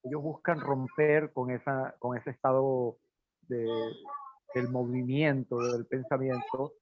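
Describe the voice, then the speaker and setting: A man's voice: medium pitch, level tone, slow pace, no room sound. A man from Portugal raised in Venezuela, telling a personal story in a hesitant conversational way with many fillers. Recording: dry, phone-like band.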